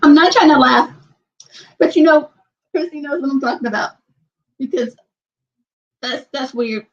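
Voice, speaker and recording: A woman's voice: high voice, normal speed. A woman hosting a casual livestream chat, rambling and repeating herself as she reads out viewer comments. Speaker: channel host. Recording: dull lo-fi sound.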